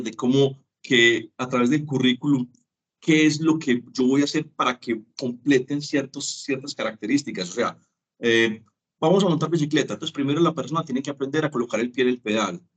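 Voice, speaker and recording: A man's voice: medium pitch, fairly quick, muffled recording. A man giving an online teaching lecture, chatty and acting out small dialogues as examples. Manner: chatty, acts out little dialogues. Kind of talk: web conference lecture.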